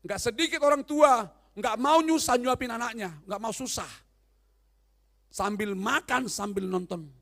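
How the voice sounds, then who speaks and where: A male pastor delivering a humorous, animated sermon and often quizzing the congregation. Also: sits high.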